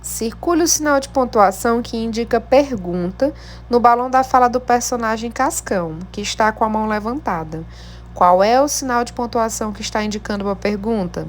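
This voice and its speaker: A woman teacher, giving a remote lesson to young pupils in a slow, clear, encouraging way. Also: fairly high pitch, a little hiss or hum. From Brazil. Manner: slow, clear, encouraging teacher delivery addressing children at home. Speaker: primary school teacher. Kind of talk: remote class lesson reading a textbook.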